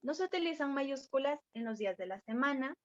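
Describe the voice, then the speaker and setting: A young woman reading a class presentation in a steady way, pointing to examples on a board. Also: high voice, a little fast, no echo. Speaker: student presenter. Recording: dry, dull lo-fi sound.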